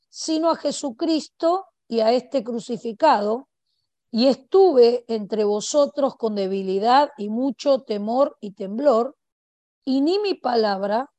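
A woman's voice: on the high side, a little mellow, dry recording. Older Argentinian woman preaching. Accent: Argentinian Spanish. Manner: conversational, frequent tag questions. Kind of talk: informal sermon.

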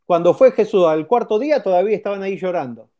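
A man preaches a sermon in a high-pitched voice. His tone is mellow and warm rather than sharp. He talks to the congregation conversationally, repeating key points and asking rhetorical questions. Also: lively intonation, fast talker, highs cut off. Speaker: pastor.

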